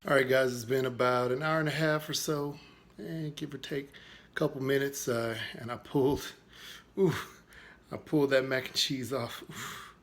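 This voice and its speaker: A man's voice: mid-range voice, fairly even intonation, normal speed, a bit bright, a little hiss or hum. A middle-aged man hosting a casual cooking how-to, chatty and full of "uh" fillers and self-corrections. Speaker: host of a barbecue cooking channel.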